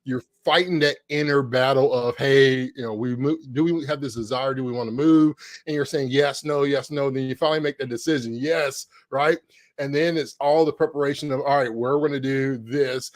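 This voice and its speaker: With medium pitch, fairly even intonation, and normal speed, this middle-aged podcast co-host keeps the casual chat upbeat. Fillers and restarts are frequent, and his home-corner podcast mic setup leaves no room sound.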